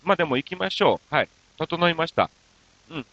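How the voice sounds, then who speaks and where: A man hosting a radio show reads listener mail in a casual, playful way, cracking self-mocking jokes and mixing Kansai dialect with standard Tokyo speech. His voice is a little high, a bit bright, animated, and slightly fast with vocal fry, on a muffled recording with no echo.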